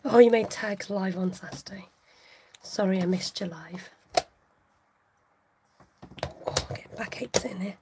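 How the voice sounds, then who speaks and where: A woman leads a live craft demonstration in an unhurried, chatty way, speaking to her viewers as she works. Her voice is mellow and sits at a middle pitch. A faint hiss runs underneath. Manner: chatty, talks to viewers while working. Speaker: craft tutorial host.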